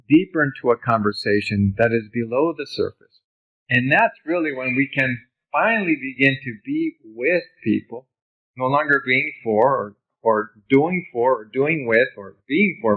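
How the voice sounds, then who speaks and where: A man's voice: medium pitch, phone-quality sound. A man who grew up in Honduras, teaching about ministry in a conversational lecture over slides, with personal stories.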